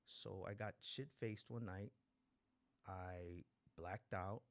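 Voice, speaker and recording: A Mexican-born man in his forties, raised in East Los Angeles, gives personal testimony as a guest speaker at a recovery meeting. His voice is low and slow with fairly even intonation, and he talks bluntly and profanely, repeating phrases for emphasis.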